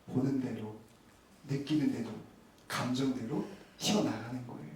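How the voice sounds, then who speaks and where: A man in his thirties, a pastor, telling a personal story in a sermon and acting out the voices in it. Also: mid-range voice. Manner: animated storytelling, acts out quoted voices, chuckles often. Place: church sanctuary. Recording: roomy church hall, voice from a distance.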